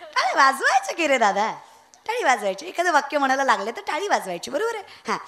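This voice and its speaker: A woman's voice: high-pitched, huge pitch swings, fast, sharp tone. A young woman giving a comic devotional kirtan sermon, telling a story, breaking into sung verses and teasing the audience. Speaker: kirtan preacher.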